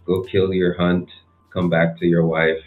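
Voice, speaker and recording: A man's voice: low-pitched, little pitch movement, measured pace, faint music behind. A man talking as a podcast guest over an online call, rambling and packing his sentences with fillers. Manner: rambling, full of "like". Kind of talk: casual chat. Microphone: laptop mic on an online call. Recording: tinny laptop mic.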